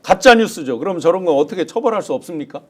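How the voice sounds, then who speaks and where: Brief: male host of a political panel, slightly raised pitch, prompting guests with sharp questions. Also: lively intonation, quick pace. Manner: brief affirming interjections and pointed questions.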